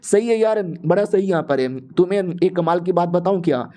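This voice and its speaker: A man's voice: high-pitched, moderate pace, dark tone. A young man casually retelling a manga story, chatty and slangy, voicing every character himself. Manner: chatty and slangy, addressing listeners as "yaar". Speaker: manga explainer narrator.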